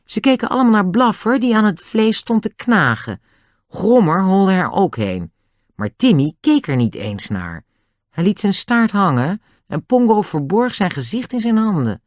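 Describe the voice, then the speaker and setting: A narrator reading a children's audiobook in an expressive storytelling manner. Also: medium pitch, normal speed, dry recording, studio quality.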